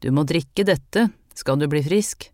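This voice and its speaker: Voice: medium pitch, darkish tone, dry recording, clean studio sound, close to an everyday voice. An audiobook reader voicing a stern old woman folk healer who gives brusque, matter-of-fact orders. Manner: gruff, matter-of-fact commands. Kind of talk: audiobook character reading.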